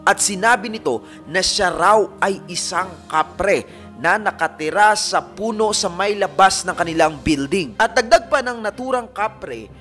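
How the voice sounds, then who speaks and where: A man's voice: high voice, lively intonation, a little slow, fairly bright tone, faint music behind. A man narrating a supernatural tale and speaking directly to his listeners as a group. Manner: addresses listeners as a fan group, dramatic retelling. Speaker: narrator of a paranormal story channel. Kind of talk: storytelling narration.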